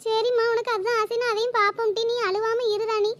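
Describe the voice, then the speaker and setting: A woman voicing a caring elder sister-figure in a cartoon, who coaxes and scolds with a very high, squeaky voice. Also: little pitch movement, brisk, slight background noise. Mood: coaxing, fussing. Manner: fussing, coaxing, motherly scolding. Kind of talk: cartoon voice acting.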